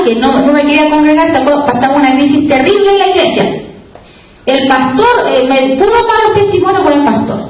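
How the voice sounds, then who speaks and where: Woman preacher, higher voice, testimony sermon, distant mic in a very echoey hall. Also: a little mellow. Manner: testimony told with acted-out dialogue. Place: church hall. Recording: echoey church hall from far off.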